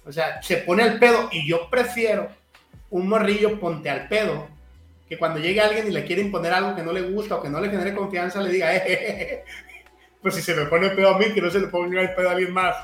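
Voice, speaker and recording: A man in his thirties with a high voice chats on a podcast. He spins lively, foul-mouthed stories about fatherhood and imitates the people in them. The room has a roomy echo, and soft music plays underneath. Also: fast talker. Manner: profane, animated storytelling, mimics voices. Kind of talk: casual podcast chat.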